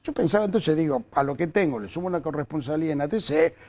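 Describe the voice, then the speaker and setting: A little high-pitched and quick, this older Argentine man from Córdoba recounts anecdotes about his journalism career as a guest. He tells them animatedly, constantly restarting and padding with fillers.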